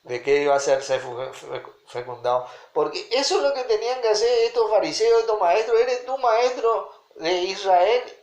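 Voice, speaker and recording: A man's voice: high voice, expressive, fairly quick, hardly any pauses, darkish tone. A man, teaching a Bible study and checking in with his listeners often. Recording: roomy echo.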